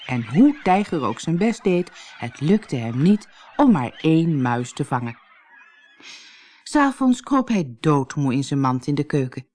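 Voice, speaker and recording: A woman narrating a children's fairy tale audiobook in a lively, expressive way. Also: low-pitched, unhurried. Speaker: storyteller.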